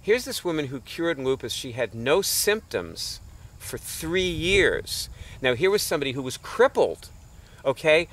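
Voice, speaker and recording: A man's voice: fairly high pitch, big pitch swings, measured pace, a bit bright. A middle-aged man telling a rambling story in a casual lecture, chuckling often and filling his talk with fillers and restarts. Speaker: nonprofit founder teaching alternative healing.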